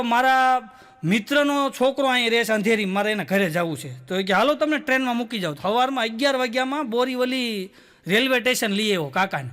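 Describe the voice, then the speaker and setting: On stage, a Gujarati stand-up comedian rattles off one joke after another in a remarkably high, bright, forceful voice. He tells his stories by acting out the characters at a raised pitch and laughs through his own punchlines.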